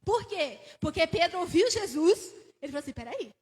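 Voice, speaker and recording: A woman with a Brazilian Portuguese accent preaching a sermon in a church, telling the story with animated rises and questions to the congregation. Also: extremely high pitch, a little fast. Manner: laughs between phrases. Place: church sanctuary. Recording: church hall with long reverb.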